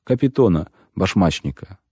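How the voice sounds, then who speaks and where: A man's voice: sits low, animated, normal speed, warm tone, breathy edge, dry recording, clean studio sound, full character voice. A man voicing an impatient middle-aged butler who scolds and gives orders, in an audiobook reading. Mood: stern. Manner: brusque, scolding, commanding.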